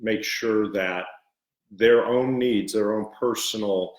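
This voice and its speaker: A man co-hosting a live video stream, talking earnestly and haltingly, with many fillers. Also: fairly low pitch, steady tone. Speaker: co-host and author. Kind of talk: live-stream book discussion. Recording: roomy echo.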